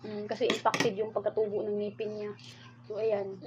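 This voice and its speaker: A woman's voice: medium pitch, completely flat delivery, moderate pace, dull audio. A woman with a Cebuano accent, chatting casually to viewers in a family mealtime vlog and explaining things as she goes. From Philippines. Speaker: family vlogger, mother. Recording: loud background noise.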